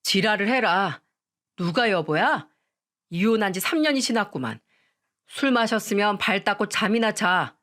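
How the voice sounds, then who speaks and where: A woman's voice: medium pitch, animated, normal speed, fairly bright tone, natural voice. A woman voicing a bitter divorced man who scolds his ex-wife with contempt, in a read-aloud radio story. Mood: scornful, scolding. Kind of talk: storytelling radio drama reading.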